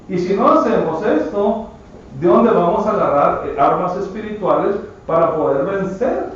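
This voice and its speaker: Heard from far off in an echoey church, the muffled recording carries a man's fairly high voice with a little hiss or hum. He preaches a sermon with emphatic delivery, frequently addressing his listeners as "brother."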